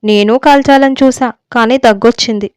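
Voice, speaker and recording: An earnest, dreamy husband in a storybook who is set on becoming a writer, as a woman reading the tale voices him. He talks seriously about his plans in a smooth, fairly high voice on a dry, close recording. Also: normal speed, darkish tone, no echo, natural voice. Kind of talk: audiobook storytelling.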